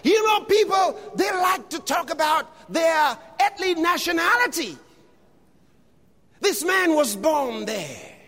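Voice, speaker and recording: A man preaching a fervent sermon, reading scripture aloud, calling out to the congregation and shouting refrains, at times slipping into speaking in tongues. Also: very high-pitched, big pitch swings, takes it slowly. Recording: long hall reverb.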